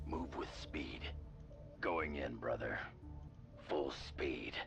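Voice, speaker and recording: An actor playing a gruff, gung-ho soldier sergeant barking short orders in a video game. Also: male voice, a bass voice, takes it slowly, over music, full character voice. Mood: gung-ho, commanding. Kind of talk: video game unit voice lines.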